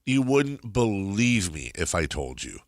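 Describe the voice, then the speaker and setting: A middle-aged man with a stuffed-up, very nasal voice talks like a talk radio host, rambling casually, repeating words and joking at his own expense. His voice sits low with big pitch swings and an unhurried pace. The recording is studio quality with no room sound.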